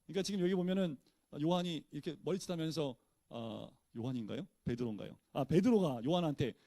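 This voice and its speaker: A man's voice: on the high side, animated, fast, vocal fry, mellow, dry recording. A male pastor teaching a Bible study in a casual, conversational way, often posing questions to his listeners and answering them himself.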